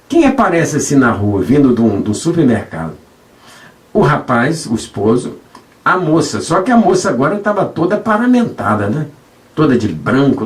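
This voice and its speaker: Brazilian doctor guy preaching on the radio, kinda high voice, roomy and a bit far from the mic. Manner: animated, rising sharply on repeated phrases, frequent "né?". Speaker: doctor telling a faith testimony on radio. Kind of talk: conversational preaching with anecdote. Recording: roomy, slightly distant radio recording.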